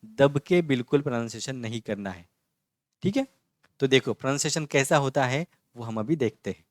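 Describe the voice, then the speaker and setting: A mid-range voice with lively intonation, recorded dry, guides learners through basic Marathi letters on a board. He spells each letter slowly and distinctly, patiently repeating "है ना?" and supplying the answers himself.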